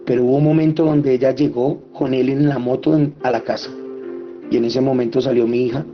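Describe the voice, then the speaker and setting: A man's voice: fairly even intonation, brisk. A man telling an emotional personal testimony, speaking with passion. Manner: impassioned, voice climbing high when reliving the quarrels. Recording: slightly muffled with soft music behind.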